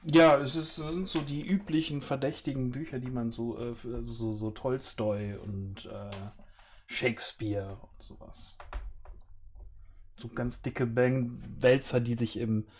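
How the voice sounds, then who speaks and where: Halting male game master, faint noise. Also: mid-range voice, fairly even intonation, a little mellow. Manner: halting, searching for words. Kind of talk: improvised tabletop game narration. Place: small room at home, video call.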